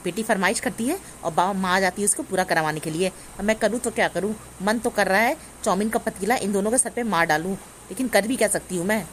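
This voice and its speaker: A woman's voice: fairly high pitch, animated, brisk, slight background noise, lightly acted. A woman playing a put-upon young daughter-in-law who mutters complaints in a family comedy skit. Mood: grumbling.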